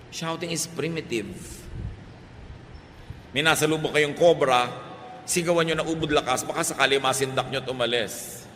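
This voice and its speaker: A middle-aged Filipino man preaching a sermon, shifting between Tagalog and English and swinging from loud emphasis to soft, quiet lines. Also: medium pitch, a little hiss or hum. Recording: reverberant hall, faint ambience.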